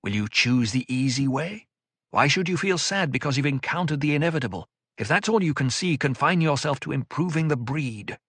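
A man voicing a calm, cutting older woman mentor in an audiobook, speaking in a measured, dry way. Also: on the high side, slightly rough, dry recording. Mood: cool.

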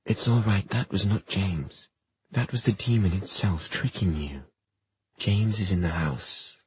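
A man voicing a gentle young man who speaks softly and calmly. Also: low voice, unhurried, slightly rough, no room sound, heavily acted. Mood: soothing. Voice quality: soft and quiet.

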